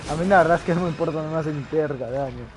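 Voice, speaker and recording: Excitable, foul-mouthed male gamer. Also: fairly high pitch, racing, background noise. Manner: profane, excitable, blurts sound effects. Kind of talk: casual gameplay commentary.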